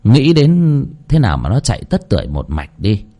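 A man's voice: medium pitch, wildly swooping pitch, normal speed, dark tone. A man narrating a ghost story with a dramatic, swooping delivery.

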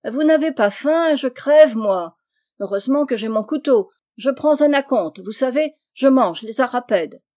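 A woman reading aloud, voicing a fussy, grumbling middle-aged husband who complains loudly. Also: sits high, expressive, measured pace, voice pushed up. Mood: complaining. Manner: peevish, complaining, shouted.

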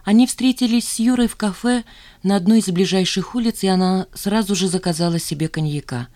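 An audiobook narrator reading a novel in an even, measured way. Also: mid-range voice, no echo. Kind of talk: scripted narration.

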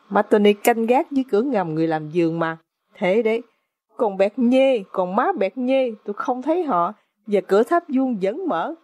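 A woman's voice: a little high, darkish tone, dry recording. A woman narrating an audiobook in a dramatic, suspenseful storytelling manner.

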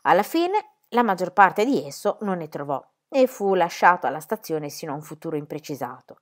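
A woman reading a novel aloud in a calm, measured narration. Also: fairly low pitch. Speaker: audiobook reader. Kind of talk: literary audiobook narration.

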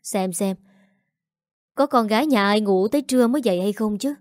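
A woman reading the lines of a fussy middle-aged mother who scolds in a brisk manner. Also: mid-range voice, darkish tone, no echo, clean studio sound, natural voice. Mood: scolding.

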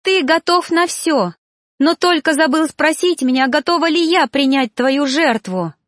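Desperate young heroine, pleading and near tears, a touch higher , a woman reader doing her. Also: expressive, measured pace, no echo, studio quality.

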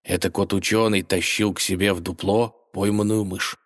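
A man narrating a fairy tale for children, gently addressing his listeners directly. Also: deep voice, steady tone, moderate pace.

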